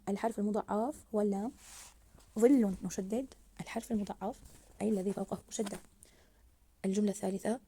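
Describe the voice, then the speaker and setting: A woman teaching a grammar lesson to young children, slowly stretching out words as she models them and praising her pupils. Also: mid-range voice, warm tone.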